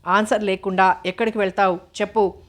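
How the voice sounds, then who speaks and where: A woman's voice: mid-range voice, little pitch movement, fast, lightly acted. A woman voicing a harsh, threatening young man in an audiobook novel, speaking sternly.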